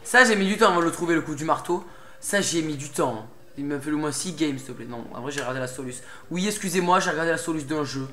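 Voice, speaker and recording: A man's voice: fairly high pitch, fast, bright, forceful tone, slight background noise. A young man doing casual commentary while playing a game, getting worked up, pleading with and swearing at a boss. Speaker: let's play gamer. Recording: game music behind the voice.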